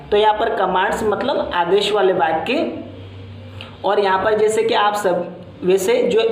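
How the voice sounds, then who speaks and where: A woman teacher explaining a lesson step by step and slowly repeating example sentences. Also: medium pitch, darkish tone, slight background noise. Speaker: English teacher. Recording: echoey room.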